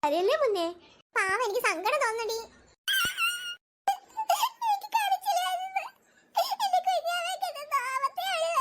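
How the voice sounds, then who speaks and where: A woman voicing young sisters and their mother in an animated cartoon, switching between quick shouty bickering and soft cooing over babies. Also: extremely high pitch. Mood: tender. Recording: noisy home recording.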